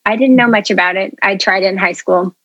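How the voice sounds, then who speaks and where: A woman's voice: mid-range voice, fairly quick, a bit bright, no echo, rough recording. A woman telling her story as an interview guest, earnest and chatty, with plenty of ums and you-knows. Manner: earnest, chatty, many fillers. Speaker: interview guest, food media founder.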